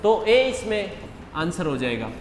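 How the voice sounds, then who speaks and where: A man's voice: high-pitched, sing-song, a little slow. A male English teacher going over mock test answers in a classroom, constantly putting questions to the class and answering them himself. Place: classroom with students. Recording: echoey hall with faint background hum.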